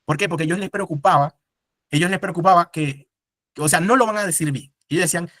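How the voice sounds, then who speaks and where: Higher-pitched man teaching a class. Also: fast, a bit bright, no echo, studio quality. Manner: explanatory, asks the class rhetorical questions. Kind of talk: casual classroom lecture.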